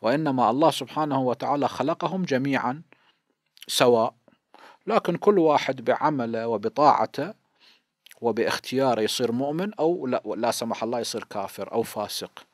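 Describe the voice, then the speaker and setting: An animated cleric from Iraq, in his fifties, teaches a religious seminary lesson a little fast in a medium-pitched, mid-range voice and Iraqi Arabic accent. He explains point by point, answering questions he raises himself, in a dry, close recording with no room sound.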